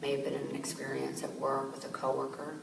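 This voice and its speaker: Low, gravelly woman guiding a meditation. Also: monotone. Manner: gentle, slow, soothing guidance with soft fillers. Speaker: meditation teacher. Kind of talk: guided meditation. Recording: echoey room, distant mic, noisy ambience.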